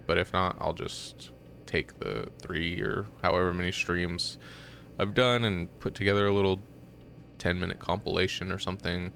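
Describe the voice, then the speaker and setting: A male streamer with a low, creaky voice rambles through relaxed gameplay commentary full of fillers. He sounds nasal and congested, as if he just woke up, and the recording carries a slight hiss or hum.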